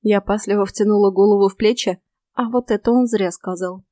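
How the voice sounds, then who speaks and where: A woman narrating an audiobook in the first person, in an even storytelling manner, recorded close to a studio mic. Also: mid-range voice, a little fast, no echo.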